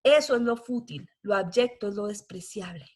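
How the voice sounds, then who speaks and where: A woman's voice: medium pitch, moderate pace. A woman teaching a law class, explaining patiently and often checking whether students follow. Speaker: law lecturer.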